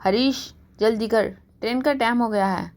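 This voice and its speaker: A woman's voice: mid-range voice, normal speed, close to an everyday voice. A woman voicing a stern middle-aged father who scolds and gives commands in a storybook reading.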